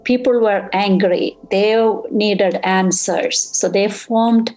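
A bereaved mother in an interview, recounting events in a steady, matter-of-fact way. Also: mid-range voice, takes it slowly. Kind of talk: personal recollection interview.

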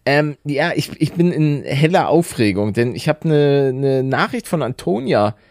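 A playful man from the Rhineland trades teasing jokes as a podcast co-host. His pitch swings freely up and down, and the sound is close and dry with no room echo. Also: sing-song, measured pace, darkish tone. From Rhineland, Germany. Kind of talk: casual podcast banter.

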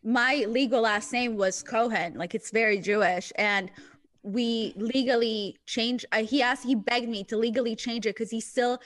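Bright-voiced woman. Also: on the high side, normal speed. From Russia. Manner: laughs while talking, chatty. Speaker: guest. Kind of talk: casual chat.

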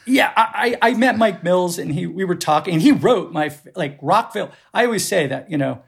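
Gravelly, higher-voiced man telling rambling stories. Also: expressive, a little fast. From Boston area. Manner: rambling, profane, self-deprecating, many restarts. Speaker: podcast guest, festival producer. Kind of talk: casual storytelling conversation.

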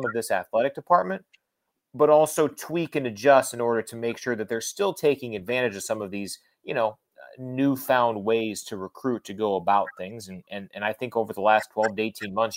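A man who works as a radio play-by-play announcer talks sports as a guest analyst, making his points emphatically and repeating phrases for effect. His voice is medium-pitched, with no echo but poor audio quality.

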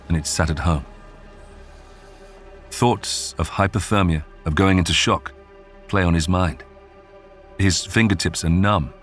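A man giving measured, scripted narration of a true survival story. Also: low voice. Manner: measured, even storytelling delivery. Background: faint music.

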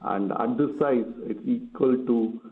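A man's voice: mid-range voice, unhurried. A man phoning in as a guest on speakerphone, sounding echoey and hesitant with many filler sounds. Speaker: guest, general manager. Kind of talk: phone-in interview. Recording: echoey tinny speakerphone call.

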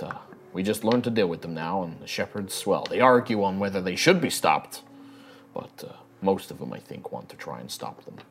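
A man voicing a weathered, wary local elf in a tabletop game, with plain-spoken, folksy rustic talk. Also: low voice. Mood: grave, matter-of-fact. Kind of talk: in-character tabletop role-play.

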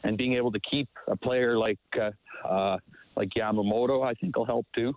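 Halting male caller over the phone. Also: mid-range voice, fairly even intonation. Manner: halting, many fillers and restarts. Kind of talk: sports call-in chat. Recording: dry tinny phone line.

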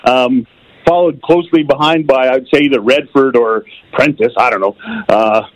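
A man's voice: medium pitch, moderate pace. A man calling in over the phone, giving loose, opinionated talk with fillers. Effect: heard over the phone. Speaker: caller. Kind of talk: casual call-in chat. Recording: muffled phone line.

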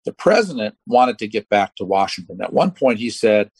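A husky male voice recounts events for an interview, quoting others. The sound is close and dry. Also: on the low side, sing-song, moderate pace, darkish tone, dry recording. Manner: recounting with quoted lines. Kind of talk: interview recollection.

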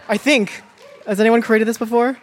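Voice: medium pitch, fairly even intonation, measured pace. A guest comedian doing live stage banter, bubbly, giggly and eager. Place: large theater stage before an audience. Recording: live theater with reverb and crowd noise.

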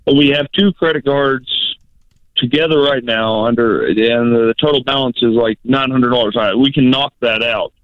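A man calling in over a tinny, dry phone line. He talks hesitantly and stumbles over his words, with polite sirs and ma'ams. His voice sits at an ordinary middle pitch. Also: moderate pace, dry recording. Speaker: caller. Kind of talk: casual call-in chat.

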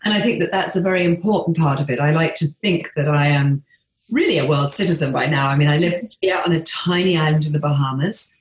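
A middle-aged woman from England, speaking in a measured, reflective way with frequent pauses and restarts as an interview guest. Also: deep voice, roomy sound, low-quality recording. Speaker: interior designer and author being interviewed.

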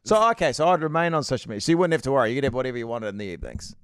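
A man with a New Zealand accent, co-hosting a podcast in casual chat and sharing gossip in an animated way. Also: medium pitch, very fast, clean tone, no echo, studio quality. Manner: animated, restarts and trails off while sharing gossip. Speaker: podcast co-host.

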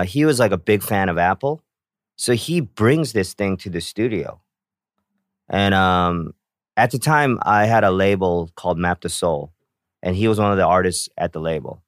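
A man in casual chat who tells stories with animated acted-out reactions. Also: low voice, moderate pace, no room sound, studio quality. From South Korea. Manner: animated storyteller, acts out reactions.

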